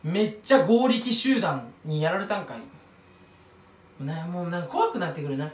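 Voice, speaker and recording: A YouTuber talks to camera about another creator in a high, sing-song voice at a moderate pace, rambling casually from tangent to tangent, mocking himself and stumbling over his words. He sits far from the mic, so the sound is roomy and echoey, with slight background noise.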